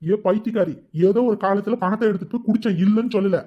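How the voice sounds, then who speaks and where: A man voicing a middle-aged village father who gruffly denies taking money. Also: high-pitched, fairly even intonation, fast talker. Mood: pleading. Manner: gruff, defensive. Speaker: husband. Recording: dull lo-fi sound.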